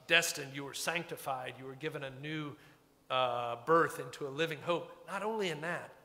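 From the pulpit of a church sanctuary, a pastor preaches a sermon in a conversational, wry, reflective manner. His voice is a little high and a bit bright, and long church reverb fills the recording.

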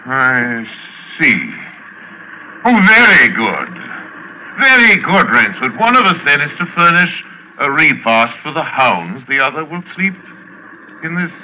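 An actor playing a suave, cruel aristocratic general who hunts men, speaking with theatrical courtesy in 1940s radio suspense style. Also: male voice, on the high side, sing-song, bright, forceful tone, full character voice, rough recording. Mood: courteous menace. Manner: slow, theatrical, gloating courtesy. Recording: old radio recording with faint noise.

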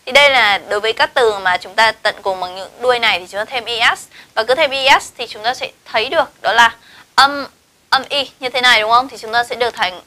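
A woman's voice: fairly high pitch, bright, forceful tone. A woman English teacher, giving a classroom lesson and checking in with her students through frequent tag questions.

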